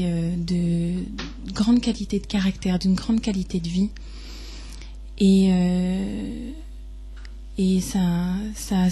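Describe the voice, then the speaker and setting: A woman in her twenties giving a personal testimony, hesitant and deeply moved, often pausing and restarting. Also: mellow. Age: 20s.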